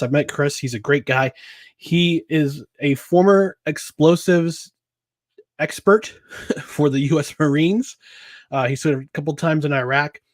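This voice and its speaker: A man with a slightly high voice hosts a casual solo podcast about sports and beer, recorded dry. He rambles, chuckles, leans on filler words and restarts his sentences.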